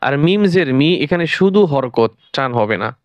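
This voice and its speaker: A man teaching Quran reading, spelling out each syllable and then drawing the whole word out slowly. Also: medium pitch, lively intonation, no room sound. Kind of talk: recorded recitation lesson.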